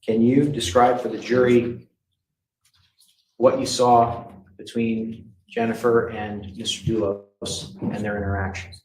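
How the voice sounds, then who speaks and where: A man, a prosecutor, questioning a witness in formal, measured tones, heard in a courtroom recording. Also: on the low side, flat delivery, darkish tone. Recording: echoey courtroom with faint noise.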